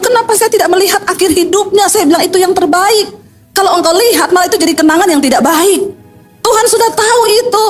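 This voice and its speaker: A middle-aged woman pastor preaches a lively sermon, suddenly swinging between low, earnest tones and high, emphatic ones. She also drops in chatty, colloquial asides.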